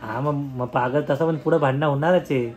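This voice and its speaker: A man's voice: medium pitch, steady tone, normal speed, a little mellow. Pleading young man on a prank phone call. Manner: pleading, persistent, teasing. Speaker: prank caller, video host.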